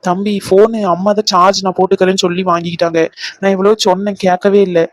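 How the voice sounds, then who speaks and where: A man's voice: sits high, little pitch movement, fast talker, no echo, close to an everyday voice. A man voicing a meek, fatherly older male servant in a cartoon, talking in a soothing, apologetic way.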